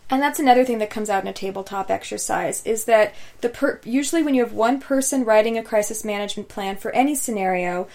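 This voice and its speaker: A woman co-hosting a conversational podcast, explaining and summarizing points clearly. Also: mid-range voice, quick pace, few pauses, darkish tone. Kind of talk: casual explanatory chat.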